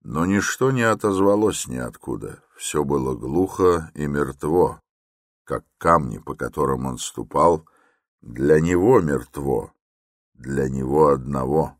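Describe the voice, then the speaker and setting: A man narrating a classic novel as an audiobook in a measured, even reading. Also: rumbling low, dry recording, clean studio sound. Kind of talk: scripted literary narration.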